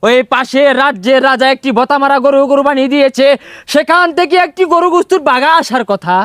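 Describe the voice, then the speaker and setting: A man's voice: very high-pitched, a little fast, a bit bright. A man playing a pompous, hot-tempered king in a comic skit, bellowing commands. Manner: blustering, bellowing royal commands.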